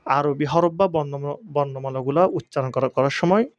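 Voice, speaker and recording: A man's voice: fairly high pitch, normal speed, no echo, lo-fi sound. A man teaching Arabic letter pronunciation as a Quran teacher, drawing out each letter sound and repeating it for practice.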